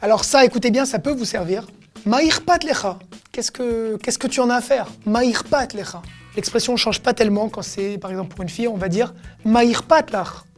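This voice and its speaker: A woman's voice: a little high, fairly quick, over loud music. A woman teaching everyday expressions in a casual lesson, explaining each word and acting out how it is said. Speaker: Hebrew teacher.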